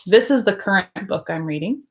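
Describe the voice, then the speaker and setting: A woman's voice: mid-range voice, expressive, brisk. A woman who teaches English, chatting casually to camera in a rambling way with many ums and likes. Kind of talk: casual vlog chat.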